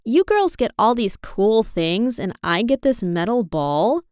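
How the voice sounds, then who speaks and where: Woman doing a worried young girl, cautious, pleading, high-pitched, lively, storybook, dry close sound. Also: a little slow, clear, resonant tone, dry recording. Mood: grumbling.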